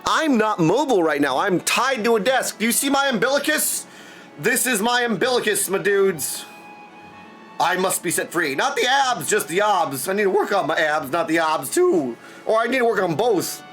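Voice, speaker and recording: A man's high voice swings widely in pitch and has a fairly bright tone as he talks at normal speed, with soft music in the background. As a game streamer he chats casually to viewers in a goofy, theatrical, playful way, inventing silly words and calling them "my dudes" and "my friends" again and again. His setup is an indoor desk with a streamer mic and headset.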